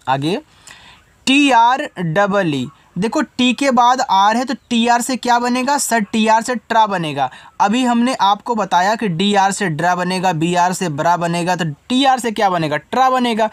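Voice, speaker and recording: A man teaching beginners English spelling, reading out words letter by letter, slowly and patiently. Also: high-pitched, no echo. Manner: patient, coaxing teacher talk.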